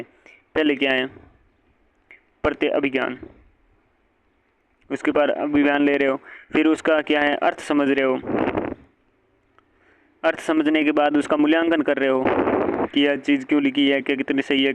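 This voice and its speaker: A man's voice: medium pitch, noisy background. A male teacher giving an exam-prep lecture, asking and answering his own questions and repeating each point. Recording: dull lo-fi audio.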